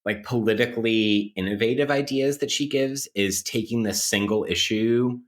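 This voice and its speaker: On a podcast, a co-host playing an interview guest talks in a casual yet analytical way, wry and academic, circling around his points as he explains them. He has a mid-range voice and a moderate pace.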